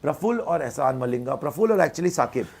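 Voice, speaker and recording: A man in a casual cricket preview chat, listing players in a relaxed way. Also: on the high side, brisk, gravelly, breathy edge. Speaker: cricket panelist.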